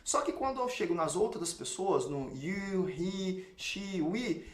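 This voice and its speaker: A man's voice: high-pitched, lively intonation, takes it slowly, roomy sound. A man with a Brazilian Portuguese accent teaching an online English lesson, explaining step by step and checking in with "ok?" often.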